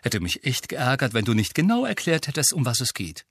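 A man's voice: medium pitch, wildly swooping pitch, a little fast, no room sound, clean studio sound. A man voicing a blunt, sarcastic teenage schoolboy in an audiobook. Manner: indignant, sarcastic.

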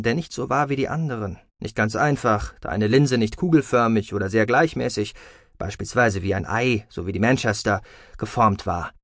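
A man's voice: fairly low pitch, a bit bright, no echo, clean studio sound. Man narrating a sci-fi audiobook. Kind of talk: scripted science-fiction narration.

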